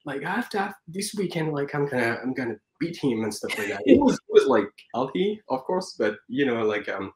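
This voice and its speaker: A man's voice: mid-range voice, sing-song, a little fast, hardly any pauses, reverberant, noisy background. A man in his thirties from France with a French accent, speaking casually as an interview guest, hesitant with many fillers and restarts. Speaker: guest animator.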